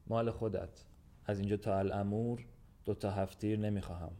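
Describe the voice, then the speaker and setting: Storybook voice: man reading as a gruff old gendarme, fatherly and blunt, weary, plain-spoken, low and mellow. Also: steady tone, close to an everyday voice. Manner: plain, weary, matter-of-fact speech.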